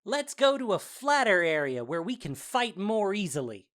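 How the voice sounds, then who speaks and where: An actor voices Puck, the fairy lord's mischievous goblin sprite, in an audio drama of modernized Shakespeare, playing him theatrical, playful and taunting. His mid-pitched, slightly bright voice swings widely in pitch at a moderate pace.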